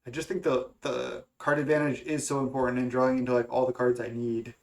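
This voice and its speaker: This gaming content creator is a young man whose congested, stuffy voice is mid-range, gravelly, and darkish, delivered flatly and briskly. He talks casually through his card game picks, thinking out loud with many fillers, restarts, and hesitations.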